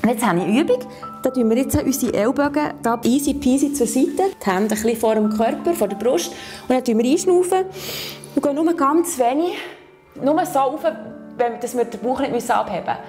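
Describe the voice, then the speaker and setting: With soft music in the background, a woman with a Swiss accent talks expressively in a high, mellow voice, slightly fast. Patiently and encouragingly, she guides a learner stepwise through back and stretching exercises, ending many phrases with "oder?".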